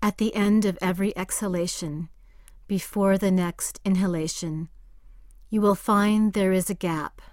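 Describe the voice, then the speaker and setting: Slow, soft-spoken woman guiding a meditation. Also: mid-range voice, dry recording, clean studio sound. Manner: soft and calm, drifting into whispers. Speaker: meditation guide. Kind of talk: guided meditation.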